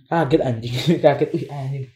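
A man's voice: medium pitch, steady tone, normal speed, dark tone. A man chatting casually as a podcast co-host, swearing a lot and laughing. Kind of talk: casual chat. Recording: echoey room.

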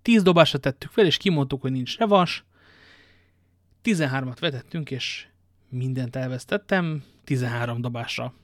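A man's voice: medium pitch, no room sound, studio quality, lightly acted. A man reading an audiobook and voicing Athos, a worldly, ironic musketeer, with a languid manner of telling his tale. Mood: wry.

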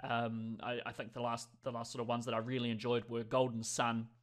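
A man rambles through his gaming stories on a podcast. He speaks at a middling pitch and keeps circling back with ums and repeated starts. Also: completely flat delivery, a little fast. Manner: rambling, hesitant, many ums. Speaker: podcast co-host. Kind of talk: casual gaming chat.

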